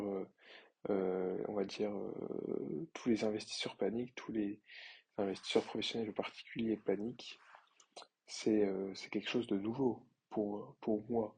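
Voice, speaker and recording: Husky-voiced young man, hesitant. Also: lowish voice, low-quality recording. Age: young adult. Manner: hesitant, many fillers. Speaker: finance vlogger. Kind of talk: casual screen-share commentary.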